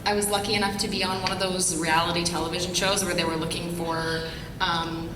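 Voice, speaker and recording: A woman's voice: lowish voice, little pitch movement, fairly quick. A woman from Canada, chatting on a convention panel in a rambling way. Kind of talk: panel answer. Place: large convention hall. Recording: echoey hall, distant mic, noisy.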